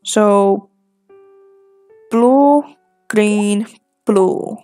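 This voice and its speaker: A woman's voice: medium pitch, extremely slow, warm tone, faint music behind. A woman chatting casually while playing. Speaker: game player reading aloud. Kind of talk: casual let's-play commentary.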